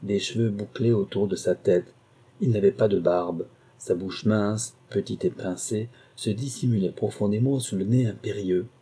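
A man narrating a story in the first person in a measured, dramatic way. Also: lowish voice, steady tone, dark tone, husky. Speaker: audiobook narrator. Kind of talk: scripted narration.

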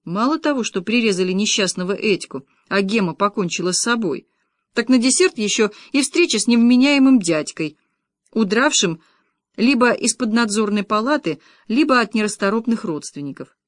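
A woman's voice: mid-range voice, animated, normal speed, no echo, studio quality. Woman reading a wry audiobook. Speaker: audiobook narrator. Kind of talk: first-person audiobook narration.

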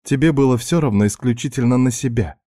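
A man voicing a tired, sharp-tongued young woman who is a doctor and a witch, snapping back indignantly. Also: medium pitch, fast, no echo, studio quality, pitched above the performer's own voice, natural voice. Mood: sharp retort.

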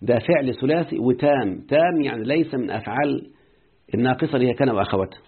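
A man's voice: medium pitch, fast talker, husky. A man with an Egyptian accent teaching an Arabic grammar lesson and often quizzing his students. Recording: muffled phone-like lo-fi audio.

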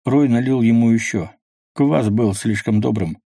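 A man narrating a dark audiobook in a steady, measured reading. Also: mid-range voice, gravelly, no echo, clean studio sound.

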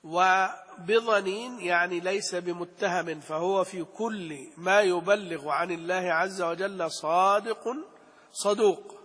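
Male tajweed teacher, slow and repetitive, chants verses; breathy voice in a reverberant hall. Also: sits high, fairly bright tone. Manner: slow, repeats key phrases, chants verses. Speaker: Quran recitation teacher. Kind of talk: religious lesson on tajweed.

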